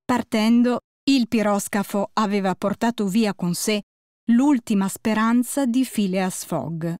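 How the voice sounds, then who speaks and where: A woman narrating a musical tale for concert band in a clear, measured storytelling voice. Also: medium pitch, darkish tone, dry recording, clean studio sound. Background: faint concert band music.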